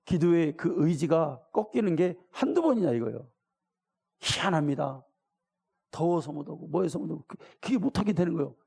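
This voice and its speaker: A man's voice: a little high, lively intonation, normal speed, vocal fry, dark tone, slightly rough. A middle-aged man preaching a sermon as pastor, talking colloquially and questioning his congregation. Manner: acts out voices of the people in the story.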